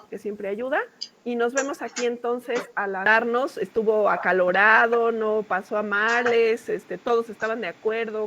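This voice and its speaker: With a fairly high, slightly bright voice, a middle-aged woman with a Mexican accent lectures at a university in a loose, discursive style. She keeps checking in with quick tag questions. The audio has its highs cut off and a little hiss or hum.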